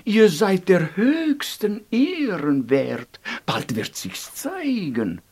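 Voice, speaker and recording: The storyteller voicing a group of gentle female fairies who speak sweetly and reassuringly. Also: medium pitch, very animated, extremely slow, pitched above the performer's own voice, heavily acted. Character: gentle lovely female fairies, soft and kind.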